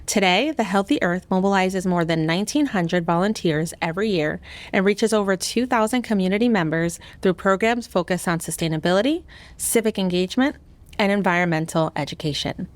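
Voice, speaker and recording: A woman's voice: mid-range voice, brisk, no echo. A woman hosting a podcast, reading an intro and interviewing a guest in an upbeat, encouraging way. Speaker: podcast host. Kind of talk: scripted intro then casual interview.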